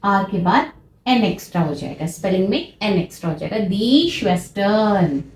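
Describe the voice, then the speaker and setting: A woman teaching German, drawing out each German word slowly and switching quickly into Hindi for her explanations. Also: mid-range voice, animated. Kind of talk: slow, deliberate language lesson. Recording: echoey room.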